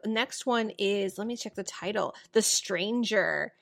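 A woman's voice: mid-range voice, steady tone, normal speed. A woman co-hosting a podcast, chatting casually and reading sponsor thanks with lots of fillers. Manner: chatty, reads plugs with many fillers. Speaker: podcast co-host.

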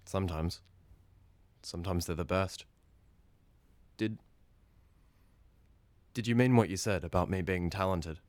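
An actor playing a soft-spoken young man whose hesitant affection turns obsessive and frantic. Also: sits low, a little slow, pauses often, no room sound. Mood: gentle. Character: lovesick young man turning obsessive and violent. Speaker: actor in an audio drama.

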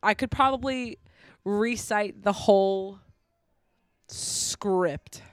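A woman's voice: medium pitch, drawn-out words, clean tone, no room sound, studio quality. A woman co-hosting a casual podcast, sounding nasal and a bit unwell. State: stuffed up, unwell. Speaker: podcast co-host.

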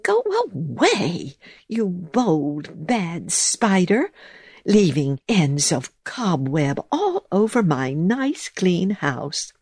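A woman's voice: lowish voice, sing-song, extremely slow, a little mellow, breathy edge, dry recording, clean studio sound, pitched above the performer's own voice, heavily acted. A woman putting on a prim little house mouse. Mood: cross. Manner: prim and scolding. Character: fussy, tidy little female wood mouse. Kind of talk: storybook reading.

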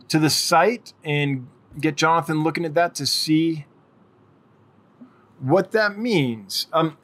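A man's voice: fairly high pitch, fairly bright tone. Friendly man hosting a livestream. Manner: friendly, rambling, answers chat questions, laughs often. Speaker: livestream host. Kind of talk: casual live-stream Q&A chat.

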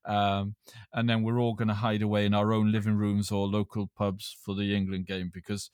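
A man with a Welsh accent hosting a casual podcast chat in a hesitant, halting way. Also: on the low side, completely flat delivery, a little mellow, clear, resonant tone, no room sound, studio quality. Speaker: podcast host.

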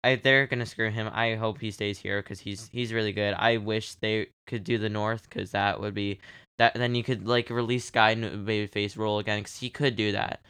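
A man's voice: fairly low pitch, fairly even intonation, normal speed, a bit bright, clear, resonant tone, dry recording, studio quality. A man co-hosting a casual wrestling podcast, reading out match notes and laughing often. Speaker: podcast co-host. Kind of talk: casual wrestling recap chat.

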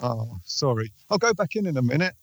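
A man talking outdoors into a laptop microphone, his voice muffled, hollow and quiet as if from inside a jar, sheepish and laughing at himself, with a slightly sore throat. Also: medium pitch, sing-song, a little fast, no echo. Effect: muffled, quiet, hollow sound as if talking from inside a jar. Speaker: show regular. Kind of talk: casual podcast chat. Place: outdoors beside a shed.

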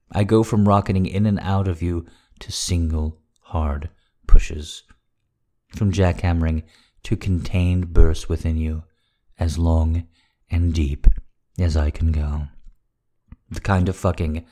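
A man with a very deep, mellow voice speaks slowly. An audio erotica performer and live streamer, he narrates erotic fiction in an intimate first-person style, then shifts to casual chat with his listeners.

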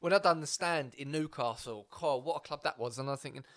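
A man's voice: medium pitch, a little fast, fairly bright tone, dry recording, clean studio sound. A man from Essex with an Essex accent, a stand-up comic chatting casually on a podcast in a rambling, matey, sweary way. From Essex, England. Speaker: stand-up comedian, podcast guest.

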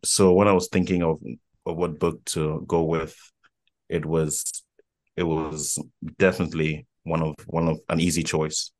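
A man's voice: extremely low pitch, level tone, a little slow, darkish tone. A man from Ghana, a guest on a podcast, speaking thoughtfully and repeating words as he builds his points. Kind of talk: casual podcast conversation.

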